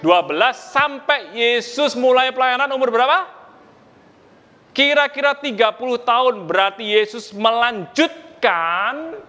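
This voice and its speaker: A man's voice: very high voice, animated, a little slow, pushed and bright. A man with a Surabaya Javanese-inflected accent preaching a sermon, telling a story with acted-out dialogue and questions to the congregation. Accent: Surabaya Javanese-inflected Indonesian. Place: large church hall. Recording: long reverb of a large hall.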